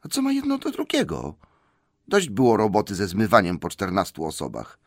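A man voicing a flustered, fussy middle-aged male hobbit in an audiobook, with fretful high-pitched exclamations. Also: wildly swooping pitch, a little fast, dry recording, clean studio sound, full character voice. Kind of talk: audiobook character voice.

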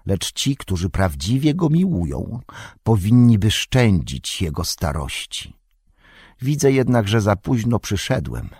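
A man's voice: on the low side, very animated, a little slow, a little mellow, slightly rough, no echo, clean studio sound, heavily acted. A man voicing a cringing, treacherous royal counsellor who pleads and whines in a servile, wheedling manner, in a storybook reading. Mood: sly, pleading.

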